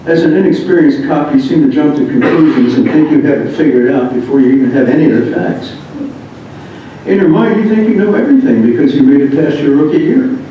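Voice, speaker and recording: A man reads a first-person memoir aloud in a very echoey room. The sound is muffled, with a distant mic and rumbling noise.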